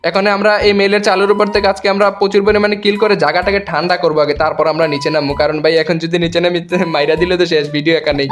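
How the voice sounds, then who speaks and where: A young man with a Comilla Bengali accent races through his gameplay commentary with a high, bright voice and barely pauses for breath. He jokes and teases the players he meets. Game music plays loudly behind him. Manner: excitable, joking, taunts opponents. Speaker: gaming YouTuber.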